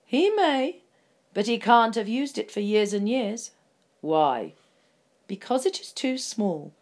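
A woman voicing a stern, commanding old male wizard in a storybook reading, speaking forcefully and with emphasis. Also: on the high side, big pitch swings, slow, exaggerated voice.

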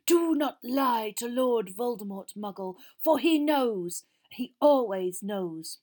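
A woman voicing a cold, cruel dark lord in a storybook reading, with a whispery, slow and deliberate delivery. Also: a little high, lively intonation, voice pushed up. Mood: cold menace. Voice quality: whispery, breathy.

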